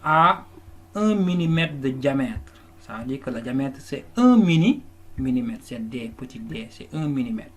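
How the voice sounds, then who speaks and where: A man's voice: mid-range voice, very animated, a little slow. A man teaching a lesson, working patiently through an exercise step by step, often restarting words and checking that students follow. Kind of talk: classroom lesson walkthrough. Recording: faint background noise.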